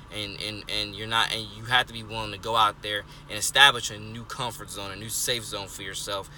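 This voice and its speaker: A young man of twenty talks into a phone held close in his car, earnest and repetitive, circling back on himself with fillers. His voice sits a little low but sounds bright and forceful, with a faint hum of the street behind him. He's a vlogger giving a rambling casual monologue from the parked vehicle, filmed in selfie framing.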